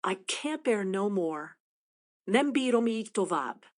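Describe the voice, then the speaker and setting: A woman voicing a poor, shy young woman, desperate and faint, who speaks in a soft, hushed, pleading way in a storybook reading. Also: medium pitch, expressive, natural voice. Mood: despairing.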